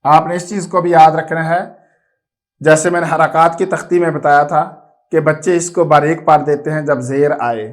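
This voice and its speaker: A man teaching Quran reading who chants letter drills slowly and then explains rules briskly in a Pakistani Urdu accent. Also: fairly high pitch, steady tone. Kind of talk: slow drilled recitation lesson.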